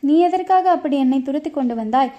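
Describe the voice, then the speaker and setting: A woman voicing a bold, sharp-tongued young boatwoman in a storybook reading, with mocking, quick-witted retorts. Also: high voice, lightly acted. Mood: tart. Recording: dull lo-fi recording.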